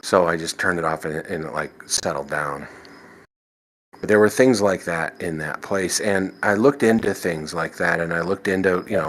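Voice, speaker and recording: A man's voice: sits low, a bit bright, low-quality recording. A man guest on a podcast, casually recounting his paranormal experiences in a rambling way, restarting sentences and chuckling now and then. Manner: rambling, frequent restarts and "you know".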